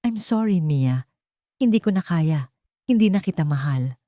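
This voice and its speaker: A woman reads a weary adult man who has given up on love, in a dramatic audio story. His lines come cold and flat, in a low, mellow voice with a dry, close sound. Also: a little slow, no echo.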